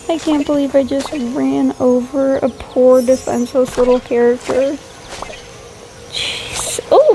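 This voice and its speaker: A woman's voice: fairly high pitch, a little mellow, poor audio. A woman chatting casually over her gameplay, rambling and self-deprecating, sleepy and yawning late at night. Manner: gushes over cute animals. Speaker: gaming YouTuber.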